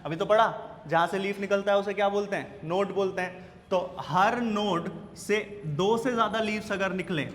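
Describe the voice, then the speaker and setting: A man's voice: high-pitched, moderate pace, fairly bright tone, in a large hall. A male biology teacher lecturing in a classroom, quizzing his students with repeated questions and teasing them. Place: classroom with a whiteboard.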